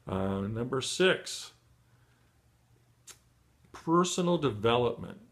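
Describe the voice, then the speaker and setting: A middle-aged man giving a motivational training talk to beginners, encouraging and full of fillers and restarts, his voice going hoarse. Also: mid-range voice, expressive, takes it slowly, a bit bright. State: losing his voice. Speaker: online marketing trainer.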